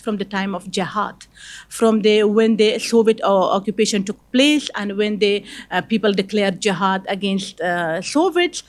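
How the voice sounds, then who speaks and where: A woman from Afghanistan speaking on a panel discussion, earnest and full of fillers and restarts. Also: a little high.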